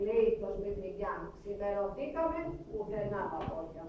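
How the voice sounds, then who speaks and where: A woman acting a grieving refugee mother in a theatrical monologue, speaking in halting, lamenting, clipped phrases. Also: medium pitch, sing-song, dull audio, a little hiss or hum, lightly acted. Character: grieving refugee mother recounting her family's persecution. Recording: echoey stage hall, mic far off.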